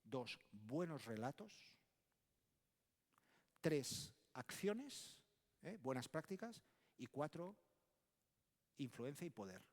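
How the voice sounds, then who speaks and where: Speaking slowly and pausing often, a male author with a Spain Spanish accent addresses a conference panel in a mid-range, sing-song voice. His conversational delivery is emphatic, enumerates ideas, and leans on frequent tag questions, with the hall's long reverb audible throughout.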